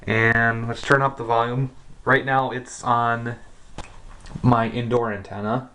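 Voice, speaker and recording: An amateur shortwave radio hobbyist gives a casual hands-on demo vlog in an indoor room full of radio gear, thinking aloud informally in a slow, mid-range voice with little pitch movement. The camera's built-in mic makes the homemade recording noisy, with radio static, hiss and clicks in the background.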